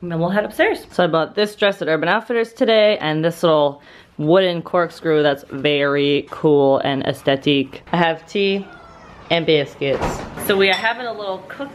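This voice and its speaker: Holding the camera at arm's length, a woman in her twenties chats casually through her daily vlog in streets, shops and home rooms. She speaks at a normal pace in a low register. There's a slight hiss or hum, with music clearly audible in the background.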